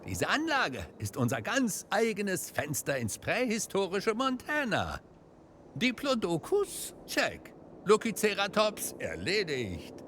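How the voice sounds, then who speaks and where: An actor playing a genial, joking park guide in a video game, with a jaunty, self-deprecating manner. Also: male voice, high voice, wildly swooping pitch, slow, fairly bright tone, a little hiss or hum, exaggerated voice. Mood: proud, upbeat. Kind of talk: scripted video game character dialogue.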